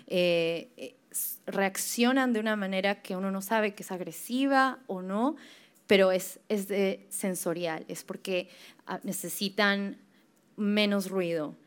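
Young woman running a casual teacher workshop, middle pitch, lots of ums and restarts, perks up when quoting people. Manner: hesitant, full of fillers and restarts, lively when quoting others. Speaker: workshop presenter for church teachers. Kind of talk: informal teaching talk.

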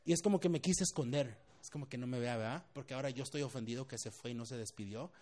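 A man's voice: medium pitch, fast talker. A young man with a Mexican accent, a pastor telling funny stories in a sermon and often dropping English slang. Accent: Mexican Spanish. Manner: animated, humorous, laughs often, mixes in English slang. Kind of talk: storytelling sermon.

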